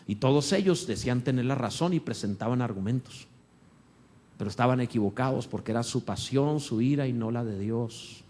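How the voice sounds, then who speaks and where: A man preaching a sermon as pastor, swinging between loud emphatic lines and hushed ones. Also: medium pitch, brisk, a little hiss or hum.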